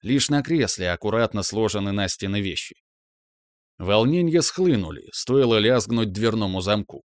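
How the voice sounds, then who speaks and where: A man's voice: lowish voice, animated, moderate pace, no echo, studio quality. A man reading a novel aloud in the first person, in a wry, inward storytelling manner. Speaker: audiobook narrator. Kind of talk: scripted first-person narration.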